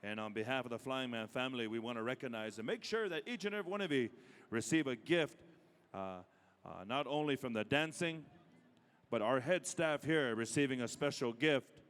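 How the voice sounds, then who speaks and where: A man emceeing a powwow over a reverberant arena sound system. His voice is clean and resonant at a medium pitch. He calls names in a stretched, emphatic way and fills in with informal, halting remarks. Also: animated, a bit bright, smooth. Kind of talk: live ceremonial announcing, calling names to come forward. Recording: reverberant large hall PA sound.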